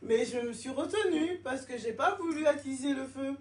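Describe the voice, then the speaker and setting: A woman in her forties from France, telling her own story in a casual interview, animated and acting out the voices she quotes. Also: sits high, moderate pace. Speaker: interview guest, fashion designer. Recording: roomy echo, distant mic, faint noise.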